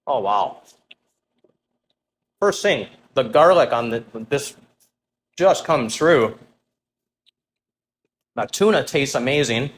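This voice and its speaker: A man's voice: medium pitch, lively intonation, takes it slowly, long pauses. A man speaks as a cooking show host, casually talking viewers through each step as he works. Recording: clear background noise while cooking.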